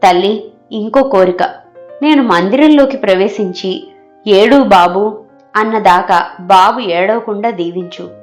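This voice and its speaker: A woman's voice: mid-range voice, unhurried, faint music behind, close to an everyday voice. A woman voicing a clever young palace maid who pleads and wails dramatically in a storybook. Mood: pleading. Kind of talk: storybook character voice.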